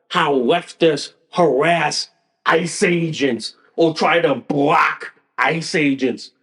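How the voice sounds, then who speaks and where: A man's voice: fairly high pitch, fairly bright tone. A man hosting a solo podcast, ranting angrily with profanity and frequent stumbling restarts. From United States. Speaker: podcast host. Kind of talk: solo political rant.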